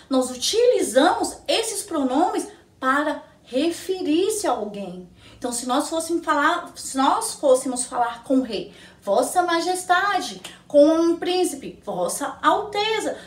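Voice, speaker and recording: A woman teacher with a Brazilian Portuguese accent giving a recorded lesson to young children, slowly asking questions and answering them herself. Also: sits high, big pitch swings, recorded from a distance. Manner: slow, sing-song teacher talk, answers her own questions. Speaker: primary school teacher. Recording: echoey room, slightly off-mic.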